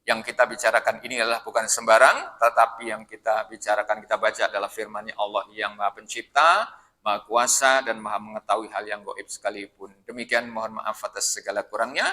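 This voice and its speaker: A man's voice: lowish voice, steady tone, a little fast, sharp tone. A man preaching a mosque sermon, telling stories and addressing the listeners directly.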